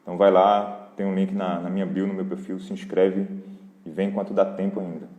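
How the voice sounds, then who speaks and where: Warm-voiced Brazilian man in an echoey hall. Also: sits low, fairly quick. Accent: Brazilian Portuguese. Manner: relaxed and conversational, addresses viewers directly. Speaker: parenting educator hosting a live Q&A. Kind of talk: casual live Q&A talk. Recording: roomy hall echo.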